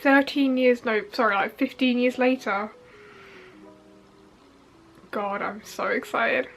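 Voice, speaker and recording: A young woman, sniffly from allergies, gushing and rambling excitedly in a casual vlog at home. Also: fairly high pitch, vocal fry, soft background music, poor audio. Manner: gushing, giggly, fast and rambling with many fillers. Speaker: YouTuber reacting to a game trailer. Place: home front room.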